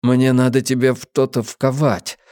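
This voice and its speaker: A man's voice: medium pitch, flat delivery, moderate pace, dark tone, clean tone, no echo, studio quality, close to an everyday voice. A man voicing a timid giant in an audiobook, with slurred, mangled speech. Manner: slurred, mangled words, pleading.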